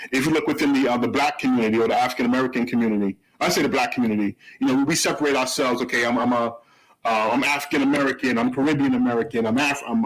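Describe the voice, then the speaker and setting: A man's voice: medium pitch, a bit bright, poor audio. Reflective male radio co-host. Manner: reflective, explains with analogies, many fillers. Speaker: radio talk show co-host. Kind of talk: casual radio discussion.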